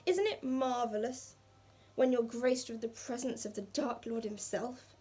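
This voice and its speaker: A woman's voice: a little high, a little slow, mellow, slightly rough. A woman voicing a smug, sneering schoolboy in her own story, taunting and superior.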